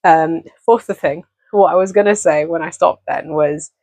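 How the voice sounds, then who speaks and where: Speaking from a home office, this English-accented young crochet vlogger rambles to camera in a casual way, full of ums and corrections of herself. The voice is mid-range and somewhat dark, at a moderate pace, with no room sound in a dull, dry recording.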